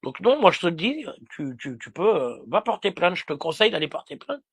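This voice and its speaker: High-voiced gravelly man ranting. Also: sing-song, a little fast, a bit bright. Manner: insulting, repetitive, addresses a rival directly. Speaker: livestreamer. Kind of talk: heated livestream rant.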